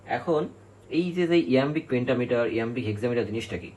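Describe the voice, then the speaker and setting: A man's voice: mid-range voice, animated, fast, darkish tone, a little hiss or hum, rough recording. A male literature teacher giving an exam-prep lecture, explaining step by step, counting syllables aloud and often checking in with his students.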